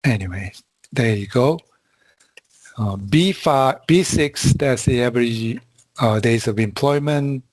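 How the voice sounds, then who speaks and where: A man teaching a class over a video call, walking through spreadsheet formulas in a slow, halting way with frequent fillers. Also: mid-range voice, dry recording. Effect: heard over a video call. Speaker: instructor. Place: video call from a quiet room. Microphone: computer mic on a video call.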